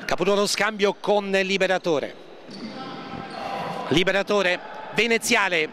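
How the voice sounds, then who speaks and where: A man giving live futsal play-by-play, repeating players' names and lifting his voice excitedly at key moments. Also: sits high, a little slow. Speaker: match commentator. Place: indoor sports hall during a match. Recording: noisy sports hall ambience, bouncing balls.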